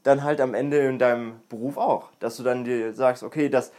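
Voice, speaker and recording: A man's voice: medium pitch, steady tone, normal speed, darkish tone. A young man hosting a podcast, talking in a casual, earnest monologue and repeating words for emphasis. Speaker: podcast host. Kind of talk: casual self-improvement monologue.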